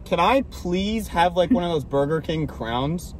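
A young man playing a prank while ordering food at a drive-through from inside a car, drawn-out and joking. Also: fairly high pitch, animated, slight background noise. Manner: playful, slow and drawn-out, joking with a fake accent.

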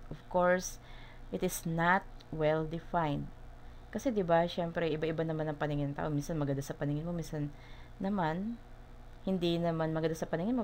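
A woman with a slightly low voice and a Filipino accent gives an instructive slide lesson. She switches between English and Tagalog in the middle of sentences and often checks in with short tag questions. There is clear background noise behind her. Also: a little mellow. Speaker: math teacher.

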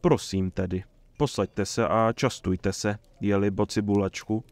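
A man voicing a plump, nervous male halfling merchant who speaks slowly and reproachfully. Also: lowish voice, a little mellow, no echo, close to an everyday voice. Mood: sulky. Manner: slow, sulky, reproachful.

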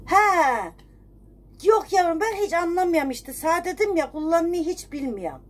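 Middle-aged woman, very high voice, folksy and scolding, complaining through one side of a phone chat. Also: animated, moderate pace. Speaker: phone call recipient refusing a credit card offer. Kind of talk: humorous one-sided phone conversation.

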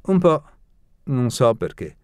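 A man's voice: mid-range voice, very animated, slow, a little mellow, smooth, no room sound, clean studio sound, pitched above the performer's own voice. A man voicing a nervous, unsure young woman heroine in an audiobook, with a raised, tense girlish tone. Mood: anxious.

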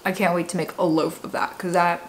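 A young woman talks casually to her camera at home, her voice sitting a little low and her chat loose and full of fillers. A faint hiss runs under the home recording. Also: flat delivery, brisk. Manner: chatty, filler-heavy with many "like"s. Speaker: fitness vlogger. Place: home kitchen, indoors.

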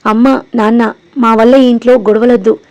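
Woman reading a grieving gentle father. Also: on the high side, level tone, brisk, lo-fi sound, natural voice. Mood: anxious.

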